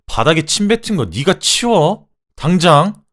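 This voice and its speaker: A man voicing a fed-up young wife who shouts and scolds her husband in a Korean radio-drama story reading. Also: lowish voice, big pitch swings, a little fast. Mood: furious. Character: furious fed-up young wife, sharp-tongued.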